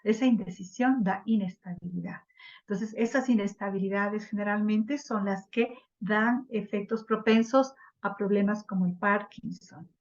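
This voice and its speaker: A woman teaching a flower therapy class, lively, often acting out the people she quotes. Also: medium pitch, normal speed. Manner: lively, acts out quoted people in changed voices. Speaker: instructor of a flower therapy workshop. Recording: dull lo-fi class recording.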